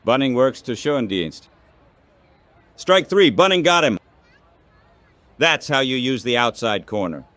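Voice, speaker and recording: This baseball radio play-by-play comes from a man's synthetic text-to-speech voice, calling the action in short, clipped phrases. His mid-range voice is very animated and a bit bright, moving at an unhurried pace with frequent pauses. The recording is dry.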